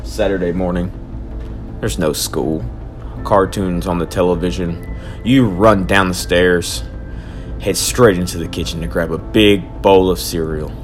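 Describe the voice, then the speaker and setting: An actor playing an excitable young man who rants theatrically about his odd grudges. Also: sits low. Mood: ominous. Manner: dramatic, ranting, overblown. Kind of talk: hobby audio drama.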